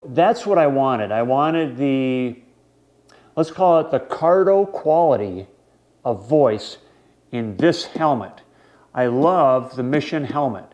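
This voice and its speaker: A man with a medium-pitched voice talks as a vlog host. He explains gear casually and conversationally, halting now and then and stretching words. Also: animated, a little mellow, dull audio.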